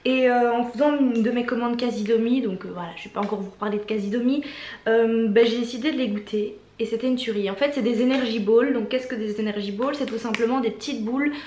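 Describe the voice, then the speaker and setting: A woman's voice: a little high, fairly even intonation, fast talker, a little mellow, slight background noise. A young woman in her twenties chatting enthusiastically about her favorite products, with lots of fillers. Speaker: beauty and lifestyle vlogger. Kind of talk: casual product favorites talk. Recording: echoey room.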